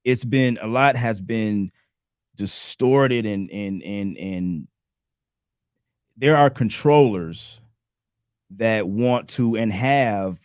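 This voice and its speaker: A man co-hosting a podcast, chatting in a loose, conversational way during a debate. His voice is on the low side, and the sound is dry and close. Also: drawn-out words, pauses often, clear, resonant tone, no room sound. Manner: relaxed, conversational, frequent "you know what I'm saying". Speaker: podcast co-host. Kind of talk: casual debate talk.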